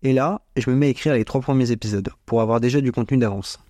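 Male podcast host, around 20. Soft-edged, relaxed tone, informal and chatty, close dry home recording. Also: mid-range voice, quick pace, no echo. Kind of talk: scripted casual monologue. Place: small bedroom at parents' home, dry sound. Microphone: small home microphone.

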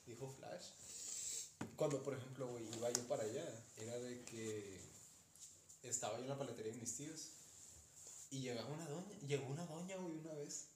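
A man's voice: medium pitch, a little fast, pauses often. A young man from Mexico co-hosting a podcast, telling stories in slangy casual chat and acting out the people he quotes. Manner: slangy storytelling, acts out quoted voices. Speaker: podcast co-host. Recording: echoey room with faint noise.

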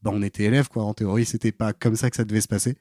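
Low-voiced young man, halting fillers. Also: flat delivery, mellow, dry recording, clean studio sound. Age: 20s. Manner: hesitant, full of fillers and restarts. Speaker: podcast guest. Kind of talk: casual interview storytelling.

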